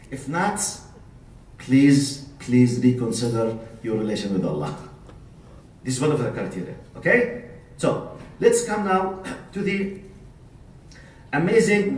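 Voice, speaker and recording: A man's voice: medium pitch, a little hiss or hum. Echoey, distant man lecturing with Jordanian Arabic accent. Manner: emphatic, rhetorical questions and short checking tags. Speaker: Islamic preacher and lecturer. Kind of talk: religious lecture to a live audience.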